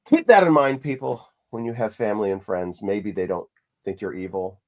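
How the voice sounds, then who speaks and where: A man hosting a podcast, telling a story in a relaxed, conversational way with frequent restarts and fillers. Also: lowish voice, moderate pace. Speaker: podcast host. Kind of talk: casual conversation.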